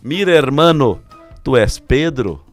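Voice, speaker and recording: A man's voice: medium pitch, animated, a little slow, faint music behind, close to an everyday voice. A man voicing a restless, hostile tattooed male inmate who speaks broken Portuguese with a Mexican Spanish accent. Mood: urgent. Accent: Mexican Spanish-tinged Portuguese.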